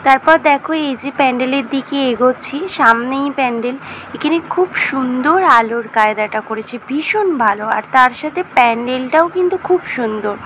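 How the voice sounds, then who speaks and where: A woman talks her viewers through a casual vlog, chatty and eager. Her voice sits high but sounds hoarse from a recent fever. A faint hiss of noise runs behind her. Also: a little fast, fairly bright tone, rough recording. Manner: chatty, enthusiastic, addresses viewers directly. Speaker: vlogger.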